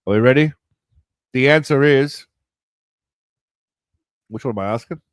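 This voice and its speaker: A man's voice: medium pitch, measured pace, smooth, dry recording. A tipsy man hosting a casual livestream quiz, rambling, swearing and reading answer options aloud. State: tipsy, self-described as wasted. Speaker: streamer running a quiz.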